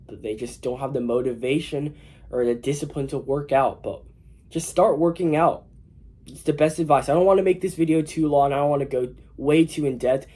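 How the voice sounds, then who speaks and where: A young man in his late teens, slightly sick with a mild cold, speaks in a warm mid-range voice. Talking to camera in a casual advice vlog, he gives his viewers loose, rambling self-improvement tips, informal and full of "you know."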